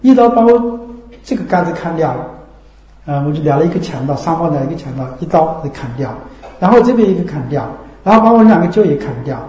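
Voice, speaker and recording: A man's voice: expressive, fast talker, a little mellow, roomy sound, rough recording. A man giving a Buddhist dharma talk, often asking "right?", his voice rising and dropping. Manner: rhetorical, keeps asking "right?"; swings between raised and dropped pitch and volume. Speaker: Buddhist teacher.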